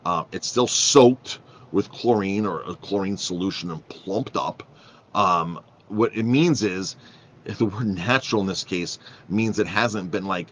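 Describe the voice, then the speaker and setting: A man who is a chef and restaurant owner, talking casually and emphatically to the camera, repeating phrases and restarting often. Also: lowish voice. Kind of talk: casual vlog talk.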